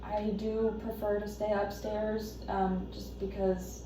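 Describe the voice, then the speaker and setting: An anxious, devoted wife, acted by a woman in a role-play, talking haltingly as if justifying herself. She sounds distant from the mic in a strongly echoing room with noticeable noise. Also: medium pitch, flat delivery, natural voice. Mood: anxious, apologetic. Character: anxious, devoted wife caring for her husband. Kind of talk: role-play counselling session. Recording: echoey room, distant mic, noisy background.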